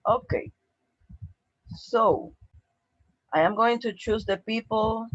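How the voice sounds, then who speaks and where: A woman who speaks Spanish as her first language, teaching an online English class with slow, patient explanations and frequent "okay?" checks. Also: lowish voice, no room sound, highs cut off.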